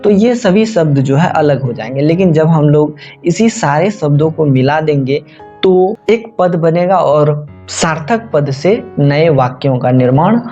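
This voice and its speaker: A man explains a course chapter in a dark, mellow voice, going point by point and restating each idea in other words. The recording is a little dull and lo-fi, with faint music underneath. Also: a little high. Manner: explains step by step, repeating points with "that is" and "or we can say". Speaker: tutor.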